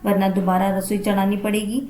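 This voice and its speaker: A woman voicing a kind, caring elderly father-in-law in a spoken storybook, in a soft affectionate tone. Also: mid-range voice, little pitch movement, fairly quick, slight background noise, lightly acted. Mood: tender. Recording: roomy echo.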